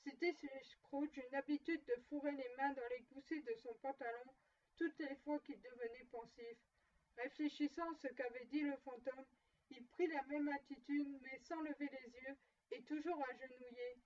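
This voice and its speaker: A woman reading a classic tale aloud in a steady, measured way. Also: high voice. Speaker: narrator. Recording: muffled and distant.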